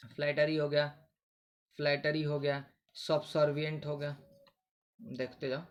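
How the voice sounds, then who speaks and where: A man's voice: fairly high pitch, monotone, measured pace, lo-fi sound. A man teaching English vocabulary in Hindi, asking questions and answering them himself, repeating words often. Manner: repetitive, asks questions then answers them. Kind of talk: casual Hindi vocabulary lesson.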